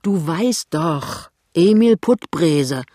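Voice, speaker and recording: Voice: medium pitch, lively intonation, very slow, dark tone, no echo, clean studio sound. An audiobook reader voicing a stern, thin female shopkeeper who gives short, firm orders. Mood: brisk, bossy. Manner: curt, commanding. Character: stern, thin older female soap seller, brisk. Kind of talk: audiobook reading.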